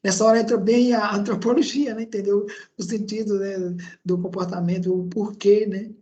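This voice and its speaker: A man's voice: high-pitched, little pitch movement, moderate pace, a little mellow, muffled recording. A man with a Brazilian accent giving an online lecture as an instructor. He talks in a conversational way, with frequent tag questions and hesitations. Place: indoor room at a laptop. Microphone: laptop microphone.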